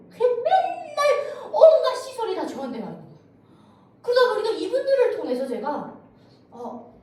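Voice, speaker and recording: A high-voiced woman from North Korea gives her testimony in a church, with a lively, up-and-down way of telling it. She acts out the voices she quotes as she goes. The voice sounds distant and echoes through a large hall, with a faint hiss behind it. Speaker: guest speaker giving testimony. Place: church sanctuary.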